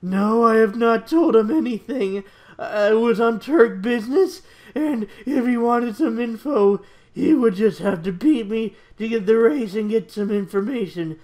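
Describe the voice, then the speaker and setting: An amateur reader voicing a cool, confident male rival racer in a fan-fiction reading, with a mostly flat delivery. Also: medium pitch, unhurried, natural voice. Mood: irritated.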